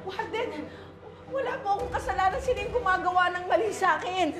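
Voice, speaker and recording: An actress playing a scheming, defiant, hot-tempered wife in a heightened TV melodrama, with a Filipino accent. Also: female voice, very high voice, brisk, crowd noise. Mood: defensive pleading. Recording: dramatic music behind dialogue.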